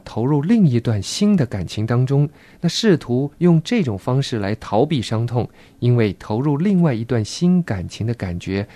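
Relaxed male radio host, mellow tone. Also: mid-range voice, no echo. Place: radio studio.

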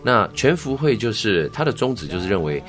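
A deep-voiced middle-aged man with a Taiwanese Mandarin accent, telling his own story as an interview guest. He speaks earnestly and gets animated, pushing his voice up for emphasis, with soft music faint underneath. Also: brisk. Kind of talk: interview, recounting life story.

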